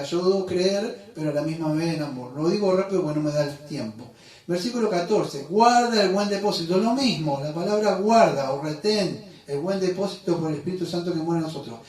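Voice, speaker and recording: High-voiced preacher in an echoey hall. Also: male voice, fairly quick, a little mellow. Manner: conversational, self-correcting, quizzes the congregation. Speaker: pastor. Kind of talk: sermon. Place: church hall. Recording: echoey room, mic at a distance.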